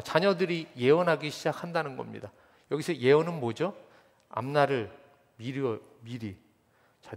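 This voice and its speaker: A male pastor delivering a sermon, telling animated stories and mimicking children and teenagers. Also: fairly high pitch. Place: church sanctuary. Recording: reverberant church hall.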